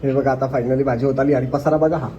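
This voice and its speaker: A man's voice: medium pitch, fairly even intonation, fast talker, muffled recording, crowd noise. A young man with a Marathi accent, teasing and joking in casual couple vlog banter. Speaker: vlogger, husband.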